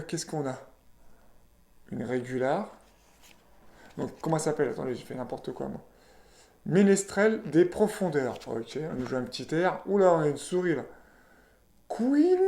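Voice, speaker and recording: A man's voice: fairly high pitch, vocal fry, darkish tone. Chatty man opening cards in a roomy space. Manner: chatty, reads card names aloud with frequent "voilà" and "ok". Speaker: card-opening video host. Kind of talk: casual unboxing commentary. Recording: roomy echoey room.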